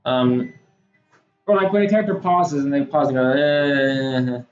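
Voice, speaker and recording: A streamer role-plays in a game while chatting casually, rambling and hesitant with plenty of fillers. The voice is mid-range and a little slow. The recording sounds roomy and dull, with soft game soundtrack music underneath.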